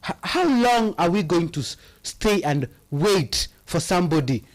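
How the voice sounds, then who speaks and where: Expressive and unhurried, this high-pitched Kenyan co-host reads viewer comments in a casual live chat that mixes Swahili and English. His delivery is impassioned but halting, full of fillers.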